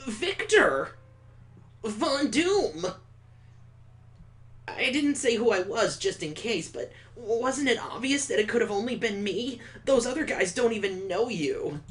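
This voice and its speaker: A man putting on a high, gushing lovesick young guy. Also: expressive, takes it slowly. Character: sappy lovestruck young man, clingy and dramatic.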